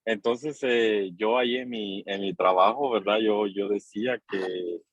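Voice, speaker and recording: A man's voice: on the low side, fairly even intonation, unhurried, no room sound, lo-fi sound. A man from Guatemala sharing in a church group over a call while driving, hesitant, with many fillers and restarts. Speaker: church course participant.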